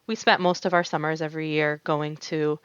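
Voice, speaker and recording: Speaking at a brisk clip, this young American woman, an Arabic-native tatreez artist, guests on a laid-back podcast interview, laughing a lot and telling stories with plenty of fillers and restarts. Her low voice barely shifts in pitch and sounds a bit bright and clean, captured in a dry, muffled recording.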